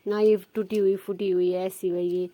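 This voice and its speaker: A woman's voice: medium pitch, flat delivery, moderate pace, dark tone, no echo. Chatty Himachali woman, dry sound. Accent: Himachali Pahadi Hindi. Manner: chatty, rambling with many fillers. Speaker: village vlogger. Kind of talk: casual chat to viewers.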